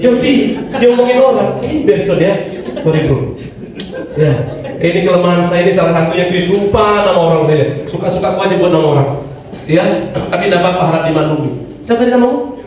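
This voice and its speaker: Middle-aged male pastor, high voice, loose joking sermon, picked up from afar in a big echoey hall. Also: animated, a little fast, a crowd in the background. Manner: joking, conversational preaching. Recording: echoey hall, distant mic.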